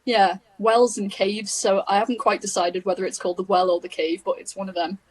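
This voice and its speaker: Woman, Liverpool accent, middle pitch, casual meandering chat, video call. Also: level tone, a little fast. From England. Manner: chatty, meandering, laughs easily. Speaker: guest singer-songwriter.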